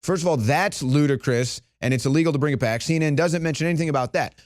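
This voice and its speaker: A man delivering opinionated news commentary, indignant and sarcastic, rising to loud emphatic peaks. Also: on the high side, fast, no echo, clean studio sound.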